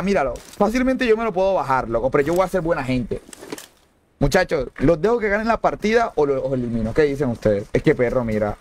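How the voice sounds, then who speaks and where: Young guy streaming his game, slangy and jokey, voice a bit high, game noise all over behind him. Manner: slangy, jokey, bursts into shrill pleading. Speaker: gamer streamer. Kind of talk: casual gameplay commentary.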